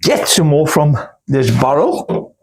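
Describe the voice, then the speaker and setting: A man talks slowly and casually as he potters with his plants in a cool indoor grow room. His voice sits a bit high for a man, rambling and homely, with the odd hiccup breaking in. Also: big pitch swings, darkish tone, breathy edge. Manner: rambling, homely, full of fillers. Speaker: gardening channel host. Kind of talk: casual chat while potting plants.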